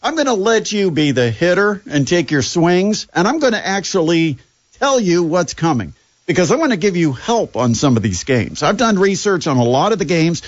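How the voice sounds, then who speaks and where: A man's voice: high-pitched, big pitch swings, moderate pace, no room sound, muffled recording. A man hosting a sports radio show, talking casually with sarcasm and plenty of fillers. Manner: sarcastic, chatty, lots of fillers.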